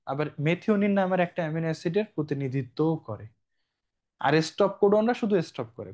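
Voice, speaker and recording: A man's voice: fairly high pitch, darkish tone. A young man from Bangladesh teaching a biology exam-prep lecture in a chatty way, often checking in with his students. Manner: chatty, addresses students directly with frequent check-ins.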